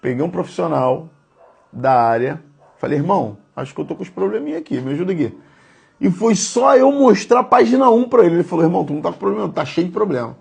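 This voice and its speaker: A man's voice: high-pitched, lively intonation, fast talker, creaky, darkish tone, breathy edge. A man in his thirties giving a conversational, earnest devotional sermon, speaking directly to his listeners. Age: 30s. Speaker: preacher.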